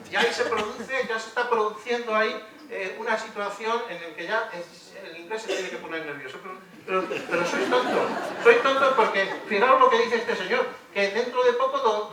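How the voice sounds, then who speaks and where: A middle-aged man gives a public university lecture in a lecture hall, speaking ironically with many hesitations and restarts. His voice sits high, pushed and bright. A distant mic picks up roomy echo and faint noise.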